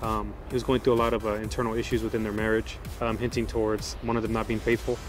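A man's voice: fairly low pitch, level tone, fast, over music. A young male police officer recounting an incident to camera, recorded outdoors.

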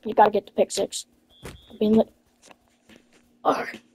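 Mellow husky woman gaming chatter. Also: medium pitch, little pitch movement, normal speed, low-quality recording. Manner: loose, slangy, chatty. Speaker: gamer. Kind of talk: casual gaming chat.

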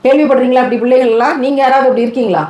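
A woman preacher giving an animated sermon to young people, acting out what children and mothers say. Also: sits high, racing, echoey room, a little hiss or hum, rough recording. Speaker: Islamic preacher.

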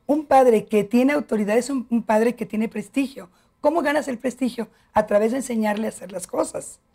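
A woman's voice: on the high side, moderate pace, gravelly. A middle-aged woman, a family education expert, explaining patiently as a guest on a TV talk show. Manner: warm, didactic, addresses host by name.

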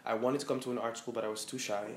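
A man in his thirties from Amsterdam, Netherlands, a fashion stylist, speaks as a guest in a room before a small live audience, his mid-range voice racing along with little pitch movement. He's candid and reflective, with many fillers. The recording has a roomy echo and faint noise.

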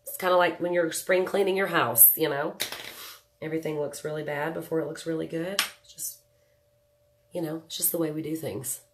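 Her voice sits low and steady at a moderate pace, nasal with a cold, over slight background noise. The speaker, a woman in her thirties, hosts a casual live makeup tutorial from a small home room, chatting, joking and greeting viewers by name.

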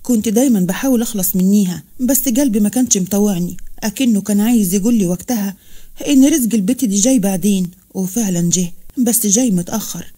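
Woman reading as a greedy, scornful village woman with an Egyptian Arabic accent, mellow and rushed, in a storybook reading. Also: medium pitch, close to an everyday voice. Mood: bitter. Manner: blunt and scornful.

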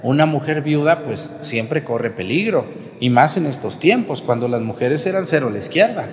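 A man, a priest, giving a lively homily, retelling a Bible story and asking his listeners questions. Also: medium pitch, normal speed, big-room sound.

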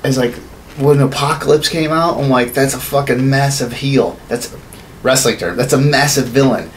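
A man in his thirties co-hosts a podcast from a small home studio room, chatting casually and opinionatedly about films. His medium-pitched voice moves at a moderate pace as he rants and swears, with a faint hiss or hum in the background.

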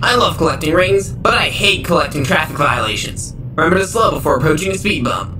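A man's voice: on the high side, expressive, fairly quick, close to an everyday voice. A man voicing a perky, cocky young cartoon hedgehog who gives driving instructions in an analog horror parody, upbeat with a hint of menace. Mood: upbeat, insistent. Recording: roomy, distant sound under music. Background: music.

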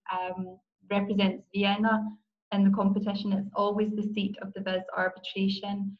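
A middle-aged law professor and moot court coach from Scotland gives an enthusiastic, personal talk on a conference panel via video call. Her voice is medium-pitched, and the audio sounds dull.

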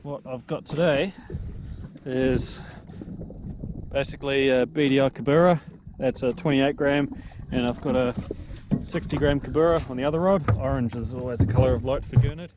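A man's voice: mid-range voice, moderate pace, dull audio. Man filming on a windy jet ski. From New Zealand. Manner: relaxed, explanatory, practical. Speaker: jet ski fishing vlogger. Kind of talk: casual how-to narration. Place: on a jet ski out on open water. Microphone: action camera mounted on the craft. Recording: windy outdoor action-camera audio. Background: wind and water noise.

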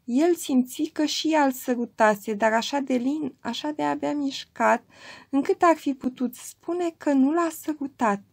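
A woman narrating a classic story in a gentle, lyrical, expressive reading. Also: high-pitched, vocal fry. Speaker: audiobook reader.

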